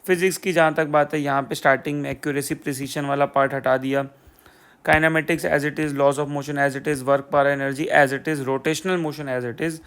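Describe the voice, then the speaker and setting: A man's voice: a little high, level tone, measured pace, fairly bright tone, clean tone. A young man explaining exam syllabus changes in a casual, sarcastic way, repeating the same phrases over and over. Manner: sarcastic, repeats "theek hai bhai" and "poora poora". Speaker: exam prep educator.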